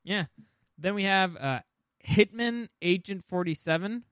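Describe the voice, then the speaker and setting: A podcast co-host with a fairly high, fairly bright voice chats casually while ranking movies, opinionated and loose, with restarts and offhand swearing as he goes down the list. He speaks a little slowly, and the recording is close and dry.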